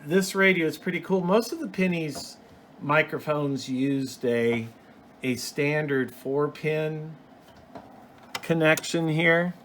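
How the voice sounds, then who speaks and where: A hobbyist host, a man with a slightly high, somewhat bright voice, does a casual, unscripted show-and-tell at a slow pace. He explains things in a rambling, plain-spoken way, with clear background noise.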